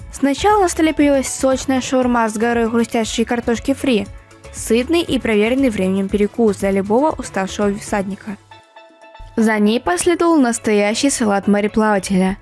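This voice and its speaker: A woman with a fairly high voice narrates a travel vlog in a scripted, playful manner, spinning everyday details into small fantasy tales. Soft music plays faintly underneath her. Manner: playful, storybook-like wording. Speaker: travel vlogger.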